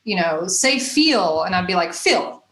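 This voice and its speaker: A guest comedian from Nashville, Tennessee, with a faint Southern accent, rambles loosely through her stories in a casual interview, peppering them with "you know" and "like." Her voice is on the low side, sing-song and a bit bright, a little slow. The recording has a roomy echo.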